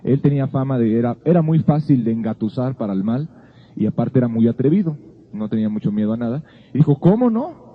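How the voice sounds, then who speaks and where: Husky man teaching over a tinny line. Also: medium pitch, quick pace. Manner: earnest, conversational storytelling. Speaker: Bible teacher. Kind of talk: teaching talk illustrated with a personal story. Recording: phone-like narrow sound.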